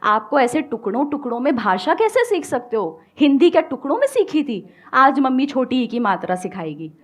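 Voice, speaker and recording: A young woman on a seminar stage giving frank, animated advice about speaking English, switching between Hindi and English. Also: high-pitched, moderate pace. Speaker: guest speaker, English coach.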